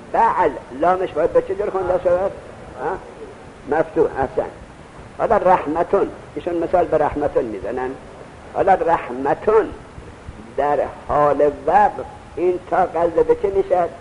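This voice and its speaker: Male teacher, lecture, slightly high voice, repeats points, answers own questions. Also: a little mellow, slight background noise, low-quality recording. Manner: asks questions and answers them himself. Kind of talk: classroom lecture.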